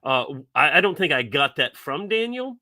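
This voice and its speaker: A man hosting a podcast in casual chat, halting and full of ums. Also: fairly high pitch, big pitch swings, bright, forceful tone. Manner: halting, filler-heavy speech. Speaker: podcast host.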